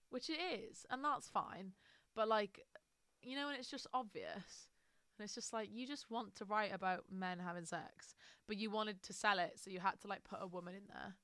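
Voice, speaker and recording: Casting: British woman streamer, rambling chatty book talk, smooth, dry close sound. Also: mid-range voice, a bit bright, dry recording. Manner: rambling, chatty, filler-heavy. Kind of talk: casual book review chat.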